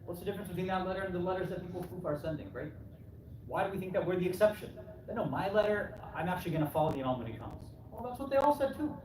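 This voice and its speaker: In an Islamic center hall, a man delivers a conversational English sermon, throwing out rhetorical questions, checking in with "right?" and acting out the replies people might give. His high-pitched voice races along with lively intonation. The recording is clearly noisy, with a distant mic and strong hall echo.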